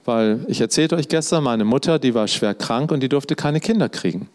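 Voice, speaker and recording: A man's voice: medium pitch, moderate pace, a little mellow. A middle-aged man preaching a sermon, telling a personal story in a conversational way and speaking directly to his listeners.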